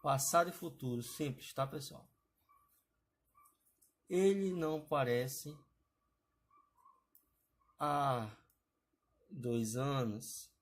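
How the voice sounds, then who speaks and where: A man's voice: mid-range voice, extremely slow, long pauses. A man teaching an exam-prep grammar lesson over slides, often checking in with his students. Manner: explanatory, adds frequent "tá, pessoal?" checks.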